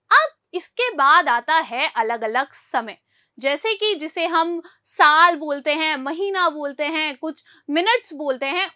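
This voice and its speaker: A woman's voice: high voice, sharp tone, no room sound, studio quality. A woman teaching English pronunciation, quizzing her listeners and repeating each word back. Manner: repeats words with quizzing questions. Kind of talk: spoken English lesson in Hindi.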